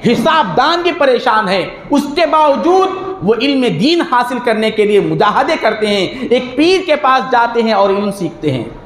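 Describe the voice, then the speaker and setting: Male preacher, very high voice, exhorting with rhetorical questions; echoey mosque hall, faint noise. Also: a bit bright. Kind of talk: religious sermon.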